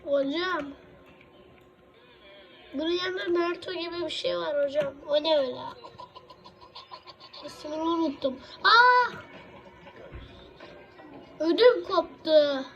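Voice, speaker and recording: A woman chatting excitedly to herself as she plays a computer game, narrating her moves and reacting out loud. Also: extremely high pitch, a little slow, long pauses, faint music behind. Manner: chatty, excitable, talking to herself while playing. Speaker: gaming video creator. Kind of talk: casual gameplay commentary. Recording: dull lo-fi with faint noise.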